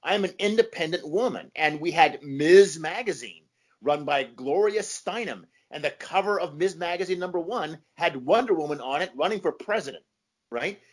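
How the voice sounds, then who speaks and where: A man's voice: on the high side, moderate pace. A man speaking informally as an expert podcast guest, explaining with emphasis and often checking in with a questioning tag. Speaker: podcast guest, comics scholar and author. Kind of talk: informal explanatory interview talk.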